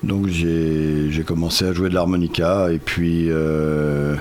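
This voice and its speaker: A man's voice: deep voice, flat delivery, slow, darkish tone. A man, a singer and guitarist, answering radio interview questions in a hesitant, casual way.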